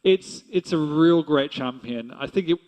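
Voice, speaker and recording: A man's voice: on the high side, measured pace, darkish tone, poor audio. A man casting an esports match, analytical and chatty, laughing easily with his co-caster. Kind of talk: esports commentary.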